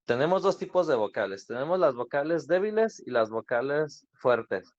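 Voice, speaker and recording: A man's voice: on the high side, big pitch swings, normal speed. A man teaching an online grammar class, explaining patiently and asking students questions. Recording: dull lo-fi online class audio.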